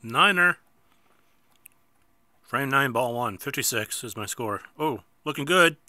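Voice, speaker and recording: Male gameplay host, stuffy nose, slow bright-voiced chatter, dry close mic. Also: mid-range voice, lively intonation, no room sound. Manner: chatty, self-mocking, sudden outbursts at misses. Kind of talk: casual mobile game commentary.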